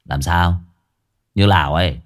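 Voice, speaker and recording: Man putting on a gruff old ghost. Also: on the low side, sing-song, unhurried. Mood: menacing. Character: old male ghost, brash and meddling.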